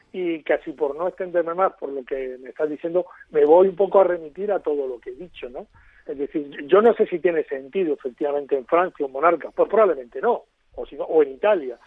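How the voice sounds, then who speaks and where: A man's voice: a little high, brisk. A man as a radio guest, explaining at length in an expansive, lecturing way over a phone line.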